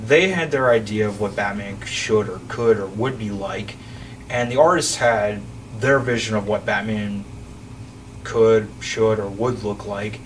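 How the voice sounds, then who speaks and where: A man's voice: on the low side, a little slow. A man hosting a casual podcast chat about films, rambling and often restarting his sentences. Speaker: podcast host. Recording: distant mic with faint ambient noise.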